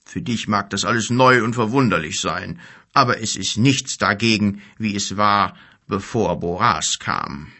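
A man's voice: fairly low pitch, sharp tone, exaggerated voice. A man voicing a weary old pond king. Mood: compassionate. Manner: grave, bitter, measured speech. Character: old bent sorrowful king of a pond people.

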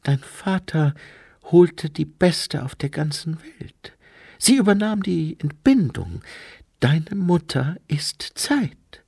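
A man voicing a sharp, questioning young woman who often drops to a breathy hush, in an audiobook reading. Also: sits low, expressive, slow pace, dry recording, clean studio sound, voice pushed up, exaggerated voice. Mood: tense hushed.

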